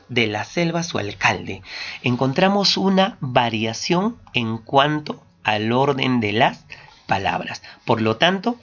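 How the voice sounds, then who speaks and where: A man with an Ayacucho Peruvian Spanish accent gives a classroom lecture in a mid-pitched voice. He poses questions and answers them himself, drawing out key words to stress them. The recording sounds dull and lo-fi. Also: a bit bright. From Peru. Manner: stresses key terms, stretching some words slowly. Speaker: teacher.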